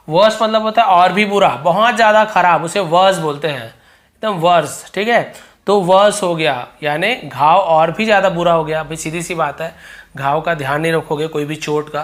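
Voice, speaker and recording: A teacher reads English story sentences slowly, then explains them word by word in a chatty, repetitive way. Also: mid-range voice. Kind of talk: line-by-line translation lesson.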